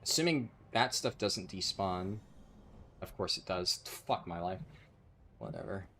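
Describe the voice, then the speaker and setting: A man's voice: low voice, expressive, unhurried, a bit bright, slight background noise. Casual, sardonic male game streamer. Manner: sardonic, sweary. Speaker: live streamer, speedrunner. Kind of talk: casual gaming livestream chat and commentary.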